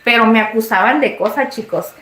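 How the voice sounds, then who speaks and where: Mexican woman host, chatty live-stream storyteller, lively high voice, roomy echo. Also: brisk, faint music behind. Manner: animated, swoops high when retelling scenes. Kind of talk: casual storytelling to viewers.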